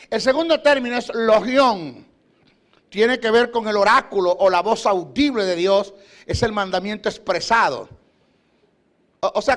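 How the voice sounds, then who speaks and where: A middle-aged man preaching a sermon as a Bible teacher, emphatic and fond of repeating phrases as he builds to exhortations. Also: high voice.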